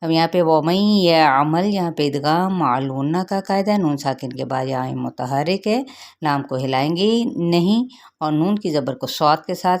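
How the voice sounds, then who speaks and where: A middle-aged woman teaching Quran recitation rules, explaining patiently and asking her students questions as she goes. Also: sits low.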